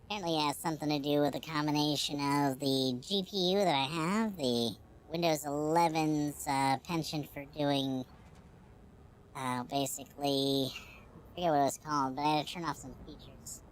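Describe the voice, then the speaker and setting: A male streamer chatting casually through a high-pitched chipmunk voice filter, rambling with many fillers. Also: fairly even intonation, moderate pace, slight background noise. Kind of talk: casual live-stream chat.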